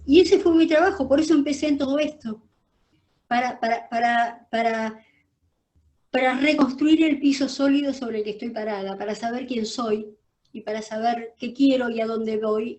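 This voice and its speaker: An older woman with a Rioplatense accent tells her own story as an interview guest. She speaks in a fairly high voice, emphatic and animated, often restarting a phrase by repeating a word. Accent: Rioplatense Spanish. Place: her office.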